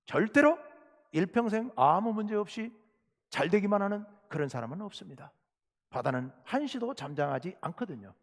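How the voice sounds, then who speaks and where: Exhorting male pastor in a reverberant church. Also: sits high. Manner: exhorting, asks the congregation questions. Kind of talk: sermon. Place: church sanctuary.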